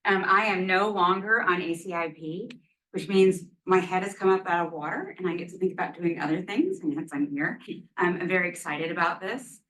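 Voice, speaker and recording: An infectious disease lecturer, a woman with a fairly low, fairly bright voice, speaks briskly in an academic lecture on a virus. She's chatty, with frequent ums and offhand self-deprecating asides. It's recorded from far off in a roomy lecture hall.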